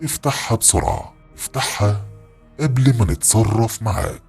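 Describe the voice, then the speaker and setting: A sinister male spirit, put on by a man, speaks in a dark, raspy, breathy voice. Each slow word comes as a cruel command or taunt, whispered close to the ear. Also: lowish voice, lively intonation, faint music behind, voice pushed down, exaggerated voice. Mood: menacing.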